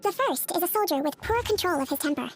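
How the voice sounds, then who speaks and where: A woman's voice: extremely high pitch, expressive, quick pace, rough recording. A game's dream-eater therapist, firm and clinical. Her phrasing is articulate and composed, every point laid out analytically. Music runs behind the voice. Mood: calm, analytical.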